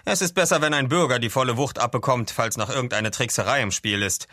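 A man's voice: mid-range voice, quick pace, bright, forceful tone, no room sound, studio quality, pitched above the performer's own voice. A man reading aloud and voicing a stern, humourless male second officer.

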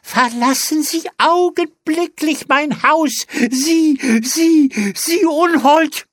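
A man voicing a strict, indignant elderly aunt who scolds in a shrill, raised voice. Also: takes it slowly, a bit bright, dry recording, studio quality, exaggerated voice. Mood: shrieking.

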